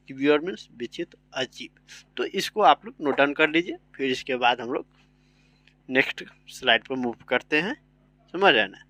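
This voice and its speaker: A man's voice: medium pitch, bright, forceful tone, dry recording. A man, teaching a casual vocabulary lesson, chatty, spelling words out letter by letter and often checking that students follow. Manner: keeps repeating "samajh rahe na".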